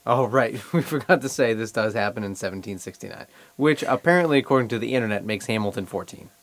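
A man's voice: on the low side, expressive, quick pace, dry recording. Man, Boston accent, casual podcast co-host, dry offhand delivery, close and dry sound. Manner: dry, offhand, recounting scenes. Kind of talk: casual podcast chat reviewing a film.

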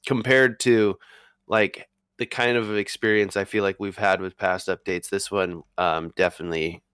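A man's voice: low-pitched, steady tone, moderate pace, a bit bright, smooth, no echo, clean studio sound. A man co-hosting a podcast, easygoing and hesitant, with many ums. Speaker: podcast co-host. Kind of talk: casual podcast chat.

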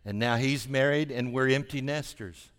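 A man's voice: medium pitch, normal speed. A man preaching a sermon as a pastor, in a folksy way, repeating phrases for emphasis. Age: 60s. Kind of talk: sermon to a congregation. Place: large church hall during a service. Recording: long hall reverb.

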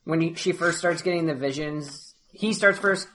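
A woman's voice: low-pitched, normal speed, fairly bright tone. A young woman co-hosting a podcast in casual chat, with wry, joking asides. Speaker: podcast co-host.

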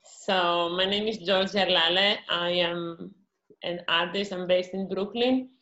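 A woman talks slowly and a bit nervously, pausing on her words, in a lowish voice. The audio is dull and lo-fi. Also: fairly even intonation, pushed and bright. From Greece. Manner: nervous, hesitant. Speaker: artist panelist.

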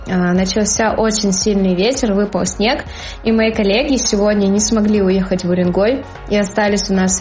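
A woman's voice: mid-range voice, a little mellow. A woman journalist giving an informal local weather report with music playing behind her. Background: background music.

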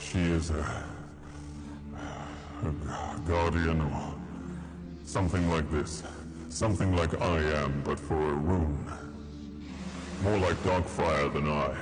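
A man voicing an ancient spirit inside a mortal's head in a tabletop game, with slow, theatrical menace. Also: rumbling low, steady tone, music in the background, voice pushed down. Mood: ominous, menacing. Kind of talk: tabletop role-play acting.

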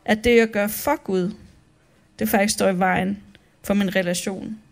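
A woman's voice: mid-range voice, steady tone, creaky. A woman pastor giving a candid, conversational devotional talk about her own restless thoughts.

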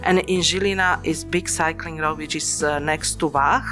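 A woman's voice: sits low, steady tone, moderate pace, music in the background. A woman, a local guest answering interview questions in hesitant, English. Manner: non-native phrasing, hesitant. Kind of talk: podcast interview.

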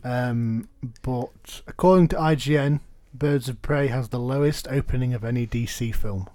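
A man's voice: mid-range voice, moderate pace, a little mellow, no echo. Dry-voiced man chatting film news. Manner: rambling, self-deprecating, laughs often. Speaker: podcast co-host. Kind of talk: casual news chat.

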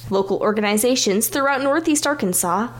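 A woman news presenter with a fairly high voice reads scripted local stories. She delivers announcements and reports in a radio bulletin style. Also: expressive, brisk.

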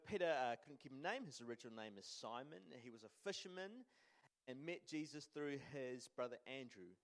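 A young man with a New Zealand accent giving an informal sermon in a casual, hesitant, self-deprecating way. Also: medium pitch. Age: young adult. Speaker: church speaker giving a sermon.

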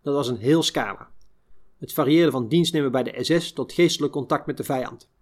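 A man reading a first-person wartime memoir aloud in a measured, unhurried way. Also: medium pitch. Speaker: reader of a memoir.

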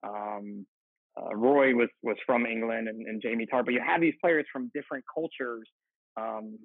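A man's voice: medium pitch, moderate pace, no echo. Man on a tinny phone-like line. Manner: rambling, laughs often, many restarts. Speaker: firefighter guest. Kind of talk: casual podcast chat.

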